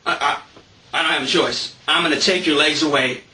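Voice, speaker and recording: A man's voice: a little high, fairly quick, sharp tone. Brief: an exasperated, almighty God voiced by a man, matter-of-fact, heard from a distance in a roomy space. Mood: grudging. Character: stern exasperated God, male, all-powerful.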